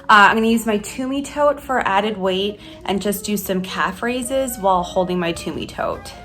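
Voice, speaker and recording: Woman, flight attendant vlogger, casual and candid, somewhat low voice, hotel room, faint background music. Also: fairly bright tone. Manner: chatty, candid, laughing. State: out of breath at times. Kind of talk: casual workout vlog.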